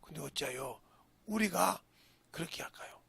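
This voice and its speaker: A male pastor preaching a sermon, who swings between hushed whispers and loud shouting and keeps asking rhetorical questions, with a gravelly, husky voice. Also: fairly high pitch, lively intonation, normal speed, no room sound.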